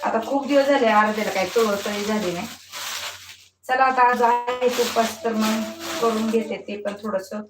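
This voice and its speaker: Mom vlogging from her kitchen, kinda high voice, chatting and fussing at her little kid, sounds far off from the mic. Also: fairly even intonation, moderate pace. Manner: chatty, coaxing and scolding a small child while cooking. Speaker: home cooking vlogger and mother. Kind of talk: casual cooking vlog chat. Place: home kitchen. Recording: echoey room, voice far from mic, noisy background.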